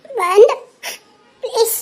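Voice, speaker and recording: An actress with a Tirunelveli Tamil accent playing a tearful young woman torn about her lover, speaking in a halting, pleading way. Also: very high voice, soft background music. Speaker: actress in a romance drama. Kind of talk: emotional drama acting.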